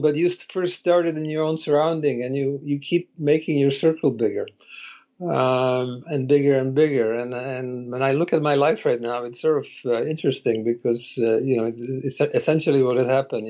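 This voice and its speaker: A man in his sixties from Slovakia speaks as a podcast guest at a middle pitch. He tells his story slowly and reflectively. The remote audio sounds slightly muffled and lo-fi. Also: steady tone, darkish tone. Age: 60s. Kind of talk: casual interview conversation.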